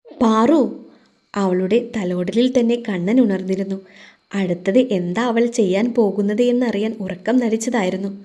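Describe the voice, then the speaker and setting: Mellow-voiced woman narrating a story. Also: medium pitch, steady tone, moderate pace.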